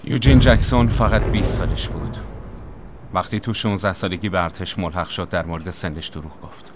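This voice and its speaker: A man narrating a reflective voice-over in a somber, measured way. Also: low voice. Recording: noisy film soundtrack.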